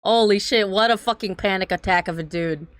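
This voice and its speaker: A woman's voice: mid-range voice, fairly quick, noisy background. A woman giving casual, slangy gameplay commentary, swearing freely and reacting with animation. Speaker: let's-play streamer.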